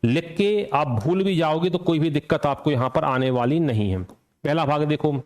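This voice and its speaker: Slightly high-pitched with a darkish tone, a man delivers an exam coaching lecture at normal speed. His style is to ask a question, answer it himself, and restate the key points for drilling.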